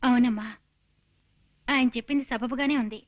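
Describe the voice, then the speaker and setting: A woman's voice: on the high side, steady tone, normal speed, lo-fi sound, very noisy, natural voice. An actress playing a devoted young woman, the dutiful elder daughter, speaking in an earnest and resolute way. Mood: agreeable. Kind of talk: 1980s film comedy dialogue.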